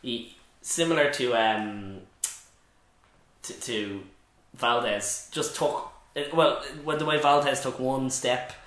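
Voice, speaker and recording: A man's voice: mid-range voice, slow pace, fairly bright tone. A man co-hosting a casual football podcast, chatty and laughing often, trailing off mid-sentence. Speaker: podcast co-host. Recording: echoey room.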